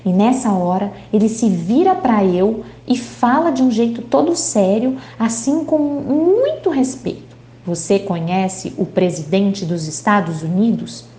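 A woman's voice: mid-range voice, expressive, measured pace, mellow, echoey room, natural voice. A woman reading aloud as a young boy who tells his dream in broken, childlike grammar. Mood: dreamy.

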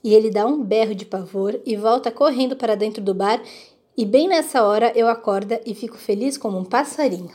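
A woman reading a children's book aloud in a lively, expressive way. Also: on the high side, fairly quick. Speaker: reader.

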